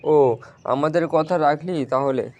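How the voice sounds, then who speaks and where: A man voicing a nosy old village grandfather who slowly prods his grandson with questions, heard from a little off-mic. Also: on the high side, a little mellow. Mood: teasing.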